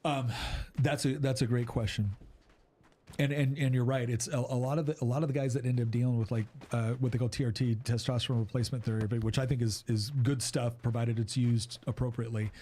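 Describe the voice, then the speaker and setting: A man's voice: mid-range voice, fairly even intonation, fairly quick, dark tone. A middle-aged man giving marriage advice in a casual podcast chat, earnest and rambling with many restarts.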